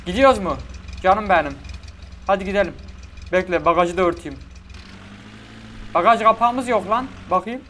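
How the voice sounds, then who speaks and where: A man giving chatty, excitable let's-play commentary to his viewers. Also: high voice, moderate pace, pauses often. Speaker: gaming YouTuber. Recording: game audio and vehicle noise behind.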